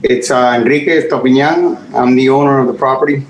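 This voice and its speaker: A man's voice: medium pitch, steady tone, brisk. A man giving informal testimony as a property owner, explaining step by step what happened. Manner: explanatory, retells conversations with quotes. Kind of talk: informal testimony, recounting events. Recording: echoey video call, faint noise.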